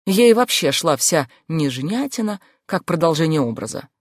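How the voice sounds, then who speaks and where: A woman's voice: low voice, big pitch swings, moderate pace, dry recording, studio quality. A young woman narrating a novel in first person, in a sardonic, brash tone with crude asides. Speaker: audiobook narrator.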